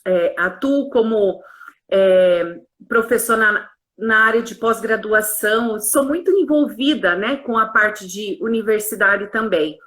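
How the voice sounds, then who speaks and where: Speaking on an online live stream, a pharmacist and consultant describes her job in an earnest, explanatory way and leans on tag questions. She has a slightly bright, mid-range voice and talks a little slowly.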